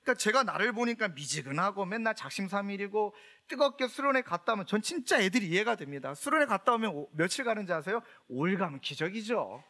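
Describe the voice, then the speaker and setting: A man's voice: high-pitched, expressive, fast talker, few pauses, bright, forceful tone. A middle-aged man, a pastor, preaching a sermon with humorous storytelling and questions to the congregation.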